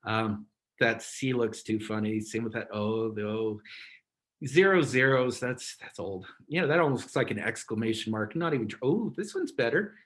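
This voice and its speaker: A man's voice: on the low side, animated, normal speed, fairly bright tone. A man presenting a webinar in a casual, rambling way over a video call, chuckling often. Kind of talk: casual instructional talk.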